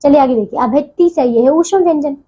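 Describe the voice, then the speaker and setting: A woman teaching a grammar lesson to children, slowing down to spell out each sound and checking in again and again. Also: sits high, dark tone. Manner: repeats "ठीक है" as a check-in, slows to spell out sounds. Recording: dull lo-fi audio.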